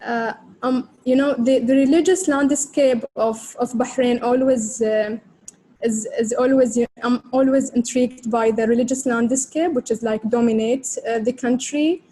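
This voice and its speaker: Woman, soft and hesitant, slightly high, mellow tone, faint room noise. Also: fairly even intonation, moderate pace, low-quality recording. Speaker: photographer, co-editor. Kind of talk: video call panel talk.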